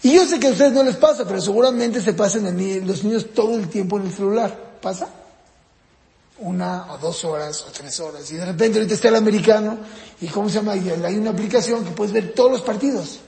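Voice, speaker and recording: A man teaching a parenting course in a casual, lively lecture style. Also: fairly quick, gravelly, reverberant, big-room sound. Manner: lively, jumps up and down in pitch acting out parents and kids.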